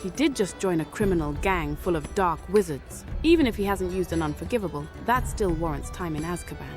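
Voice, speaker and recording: An actress playing a cautious, concerned young student who is a loyal friend, in an audio drama. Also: female voice, lowish voice, lively intonation, a little fast, a little mellow, faint music behind, lightly acted. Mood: firm.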